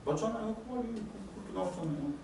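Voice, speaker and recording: A middle-aged male pastor preaching in a church, animated and coaxing his listeners to answer his questions. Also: high-pitched, fast, vocal fry, slight background noise. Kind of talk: lively sermon with questions to the congregation. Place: church sanctuary. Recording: roomy sound from a distant mic, faint ambience.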